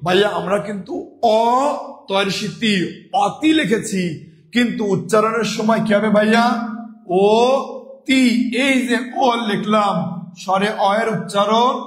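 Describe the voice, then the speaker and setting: A man's voice: high-pitched, fairly even intonation, normal speed, reverberant. A man teaching a live online exam-prep class, repeating each point several times and quizzing his viewers, whom he calls brothers and sisters.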